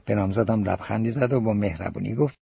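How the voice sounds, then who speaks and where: A man's voice: on the low side, creaky, slightly rough, dry recording, exaggerated voice. A male narrator voicing a boastful young man telling a tale to a café crowd, in an audiobook. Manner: grandiose, theatrical address. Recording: dull lo-fi recording.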